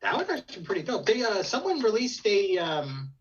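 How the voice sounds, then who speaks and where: A man's voice: sits high, wildly swooping pitch, a little fast, slightly rough. A man from California chatting casually as a co-host on a slightly muffled, lo-fi microphone. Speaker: co-host of a collectibles talk stream. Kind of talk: casual group chat.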